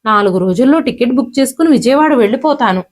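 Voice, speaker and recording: A woman's voice: fairly high pitch, lively intonation, quick pace. A woman voicing an elderly grandfather who is hurt and proud, read plainly as part of a spoken storybook.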